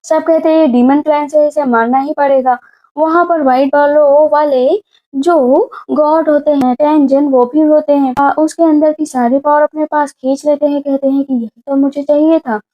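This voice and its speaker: Give me a high-pitched woman casually narrating a movie recap, muffled and lo-fi. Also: fairly even intonation. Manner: retells scenes briskly, reading characters' lines in her own voice. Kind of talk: casual plot-retelling narration.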